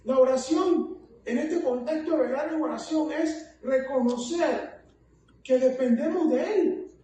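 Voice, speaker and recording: A woman's voice: high voice, measured pace, dark tone. A woman preacher delivering a fervent sermon who keeps calling her listeners "hermano". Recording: echoey hall, distant mic, faint noise.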